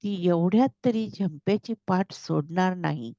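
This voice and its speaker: A woman's voice: fairly low pitch, a little slow, warm tone, no echo. A woman reading a blunt young god. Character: bold young male elephant-headed god. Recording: dull lo-fi recording.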